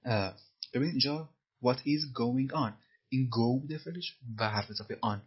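A man teaching English, who slowly repeats phrases from film dialogue and then explains them. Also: medium pitch, breathy edge, dull audio.

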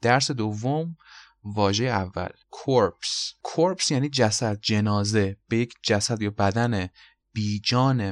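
A man with a Persian accent and a low voice works through a vocabulary lesson, spelling words letter by letter and repeating each pronunciation. He is recorded dry and close, with no room sound. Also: dry recording. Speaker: English vocabulary teacher.

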